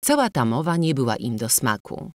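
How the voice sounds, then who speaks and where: A woman narrating an audiobook of a classic novel in a measured, expressive reading. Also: very deep voice, dry recording, clean studio sound. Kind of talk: scripted literary narration.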